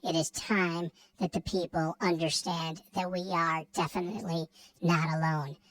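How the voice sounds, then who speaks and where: A woman's voice: fairly low pitch, flat delivery, normal speed, dry recording, natural voice, low-quality recording. A woman playing a secretive whistleblower whose voice is disguised to sound like a helium-filled alien, speaking in a solemn, formal, conspiratorial manner. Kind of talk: comedy sketch.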